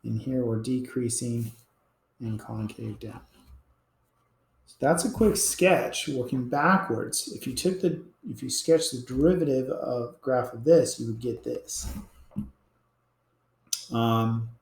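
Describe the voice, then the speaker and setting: A math teacher lectures a calculus class at a board, explaining casually in a mid-range voice with vocal fry. He takes it slowly, pauses often, and lets his voice trail off quietly at the end of each point, with roomy classroom echo around him.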